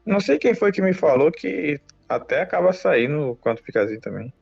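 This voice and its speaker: A man's voice: on the high side, fairly quick, vocal fry, husky, no room sound. A Brazilian man streaming a mobile game, chatting casually in slang with frequent restarts. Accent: Brazilian Portuguese. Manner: relaxed slangy talk with many restarts. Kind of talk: casual gaming chat. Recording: dull lo-fi mic with game music.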